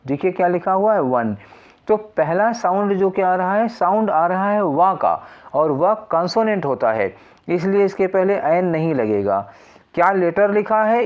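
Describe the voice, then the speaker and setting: A man's voice: a little high, highs cut off. A man teaching an exam prep lesson, explaining step by step and asking and answering his own questions.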